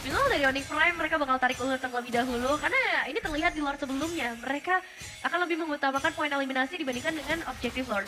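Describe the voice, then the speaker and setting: A woman's voice: sits high, very fast, music in the background. A woman calling a live mobile game match as play-by-play, in the dramatic running style of a fighting game announcer. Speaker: esports shoutcaster, play-by-play.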